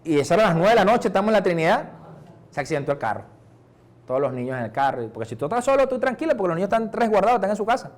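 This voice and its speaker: A middle-aged Venezuelan man preaching a sermon as pastor, conversational, dropping softer to act out prayers. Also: sits high, sing-song, racing. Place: church.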